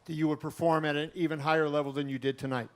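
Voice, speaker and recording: A man asking a question as a reporter at a press conference, heard quietly off-mic. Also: a little high, flat delivery, fast talker.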